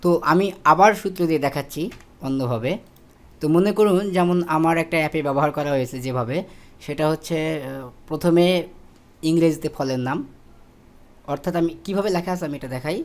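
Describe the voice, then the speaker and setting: A man with a fairly high, darkish voice talks a little fast but leaves long pauses. An instructor narrating a screen-recorded spreadsheet tutorial, he walks through the steps with fillers and self-corrections.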